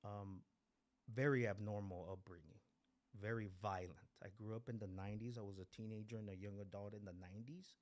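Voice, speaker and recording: Speaking fairly quickly in a lowish, darkish, steady voice, this recovery-meeting guest shares his story with candor and plenty of swearing. He's in his forties, born in Mexico and raised in East LA, and he hammers points home by repeating himself.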